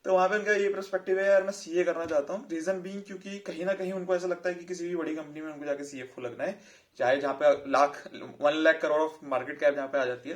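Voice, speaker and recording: A man giving casual career advice to his viewers, chatty and repetitive. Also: fairly high pitch. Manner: chatty, repeats fillers like "theek hai". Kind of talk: casual advice talk to camera.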